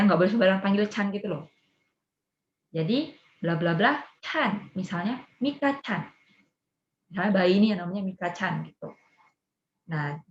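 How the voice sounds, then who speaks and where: A woman with an Indonesian accent and a hoarse voice, teaching a casual online vocabulary lesson, chatty and repeating words slowly. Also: medium pitch. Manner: chatty, mixes in English words, drawn-out repetitions. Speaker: Japanese language teacher. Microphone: video call recording. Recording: echoey, muffled video call audio.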